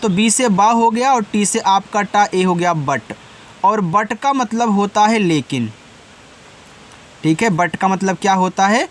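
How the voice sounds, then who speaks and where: High-voiced man teaching English spelling. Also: animated. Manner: spells letters slowly then explains patiently, asks and answers himself. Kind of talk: Hindi-language spelling lesson.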